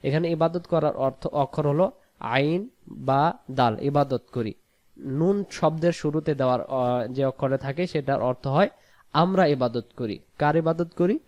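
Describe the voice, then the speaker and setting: A man teaching Quran pronunciation, quickly spelling out letters and vowels, then reciting the words slowly and drawn out. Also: on the high side, darkish tone, no room sound, highs cut off. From Bangladesh. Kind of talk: pronunciation lesson.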